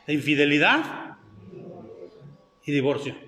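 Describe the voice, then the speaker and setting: A man's voice: a little high, sing-song, a little slow, pushed and bright. A man preaching a sermon as pastor, who keeps putting questions to the congregation. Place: church hall. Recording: echoey hall with long reverb.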